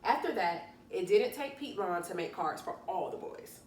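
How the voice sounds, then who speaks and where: A woman narrates for young children like a teacher at story time, drawing out key words. Her pitch is very lively, and she sounds a bit away from the mic, with faint background noise. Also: roomy sound, recorded from a distance. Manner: deliberate, emphatic, drawn-out key words. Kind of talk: expressive read-aloud narration for young children.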